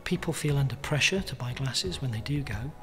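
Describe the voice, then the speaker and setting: A man with a mid-range voice and lively intonation speaks fairly quickly as a charity spokesperson. He formally explains research findings over a soft bed of music.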